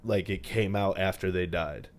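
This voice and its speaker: A man's voice: sits low, moderate pace. A man in his twenties co-hosting a podcast, talking frankly and casually. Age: 20s. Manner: frank, conversational. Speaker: podcast co-host. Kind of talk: casual chat.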